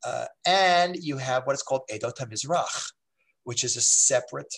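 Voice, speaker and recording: A man, a rabbi, explaining history in a relaxed, digressive way, with many fillers and restarts. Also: medium pitch, normal speed, creaky.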